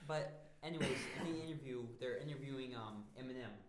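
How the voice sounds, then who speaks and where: A man's voice: mid-range voice, brisk. A young man co-hosting a casual chat, rambling through stories and gossip. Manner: rambling storyteller. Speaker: podcast co-host. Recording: echoey room, faint hiss.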